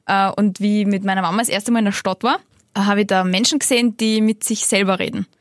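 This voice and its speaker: A young woman, chatting casually as a podcast co-host and telling childhood stories in an animated way. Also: mid-range voice, quick pace, no room sound, clean studio sound. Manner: animated storytelling, acts out her own childhood voice. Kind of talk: casual chat.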